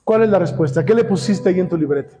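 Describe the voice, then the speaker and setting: A man's voice: high voice, fast talker, music in the background. A man with a Mexican accent preaching a sermon as a pastor, firing rhetorical questions at the congregation and calling them brothers. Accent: Mexican Spanish.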